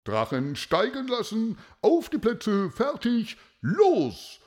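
A man's voice: sits high, wildly swooping pitch, takes it slowly, a little mellow, voice pushed up, exaggerated voice. A man voicing a formal contest announcer calling results in a children's audio story. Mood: announcing.

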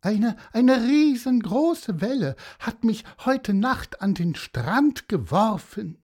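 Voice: medium pitch, drawn-out words, pitched above the performer's own voice. A storyteller voicing a melodramatic, weepy horse with a weak, sobbing voice. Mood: wailing. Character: weepy dramatic horse claiming to be a seahorse.

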